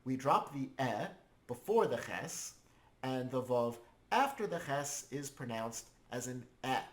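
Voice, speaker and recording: A man's voice: medium pitch, animated, measured pace. A man teaching a scripted language lesson, explaining each point patiently.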